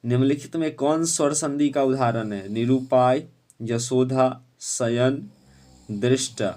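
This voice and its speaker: A man teaching an exam-prep lesson, quizzing students and urging them to answer quickly. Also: medium pitch, a little mellow.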